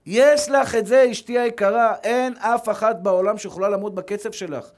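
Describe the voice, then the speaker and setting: A tender husband, acted out by a male preacher in a very high register, gently builds up his wife's confidence. His manner is soft and coaxing. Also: close to an everyday voice. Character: tender encouraging husband praising his wife.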